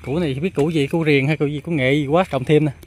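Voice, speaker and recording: A fast-talking man in his thirties with a Southern Vietnamese accent, his voice sitting a little high as he chats to viewers between frequent filler pauses. He films himself outdoors in a garden on a phone held at arm's length. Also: fairly even intonation, a little mellow, slight background noise. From Mekong Delta, Vietnam. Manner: chatty, many filler pauses, addresses viewers. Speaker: vlogger. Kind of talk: casual walking tour vlog. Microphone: phone camera held at arm's length.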